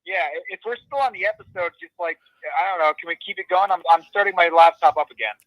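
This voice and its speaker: Man on a phone call re-recorded through a speaker, muffled lo-fi sound, slightly high voice, flustered and stammering. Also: fast, no echo. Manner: flustered, stammering, filler-heavy. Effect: phone call played through a loudspeaker. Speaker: podcast co-host. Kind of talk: casual chat.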